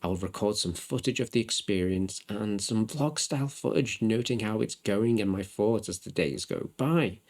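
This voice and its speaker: Relaxed low-voiced man vlogging. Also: normal speed, hardly any pauses. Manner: relaxed, chatty and self-reflective. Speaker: hobby vlogger. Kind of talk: casual vlog narration and updates.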